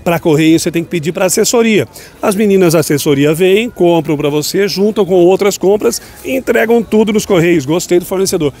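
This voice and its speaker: A man's voice: high voice, brisk, a little mellow. A man walking through an outdoor night market, chatting upbeat to viewers while filming on a handheld phone. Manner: upbeat, chatty, keeps addressing viewers as "gente". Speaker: shopping vlogger touring a street market. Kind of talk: walking market vlog with vendor chat. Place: outdoor night street market, busy city street. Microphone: handheld phone camera.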